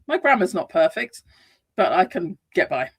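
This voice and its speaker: A UK psychotherapist and life coach, guesting on a casual interview in Madrid, speaks in a lowish, husky voice at a normal pace. She's animated, restarts often, and laughs easily.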